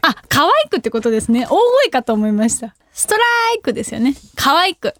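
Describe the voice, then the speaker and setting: A woman's voice: a little high, big pitch swings, brisk, fairly bright tone, dry recording, studio quality. A young woman hosting a radio show, reading listener mail in a giggly, self-deprecating way. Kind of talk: casual radio chat. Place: radio studio.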